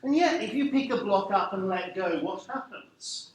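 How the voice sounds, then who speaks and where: A man giving a live lecture to a room of teachers, lively and wry, putting questions to the audience. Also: sits high, moderate pace. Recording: echoey room, faint background noise.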